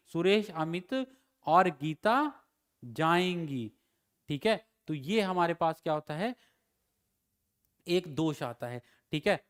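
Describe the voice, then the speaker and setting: High, clear-voiced Hindi grammar teacher. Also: male voice, a bit bright. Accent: Himachali Hindi. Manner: repeats each example sentence slowly, then gives the corrected version. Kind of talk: exam-prep grammar lecture.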